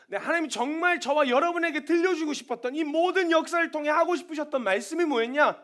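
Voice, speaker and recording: A man in his thirties preaching a sermon in a church, moving between soft confiding talk and loud impassioned pleading. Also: very high voice, quick pace. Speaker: missionary preacher. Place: church sanctuary.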